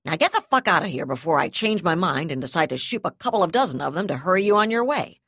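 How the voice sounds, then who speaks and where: A brutal, cornered gendarme brigadier spits out snarling, profane threats, as a woman reader puts her on. The voice sits low and is heard close and dry, with no room around it. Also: expressive, normal speed, a bit bright, no room sound. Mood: contemptuous.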